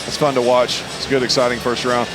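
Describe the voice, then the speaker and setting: A man's voice: medium pitch, flat delivery, quick pace. A man giving conversational live play-by-play as a fight commentator, often repeating his phrases. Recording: noisy venue with crowd behind.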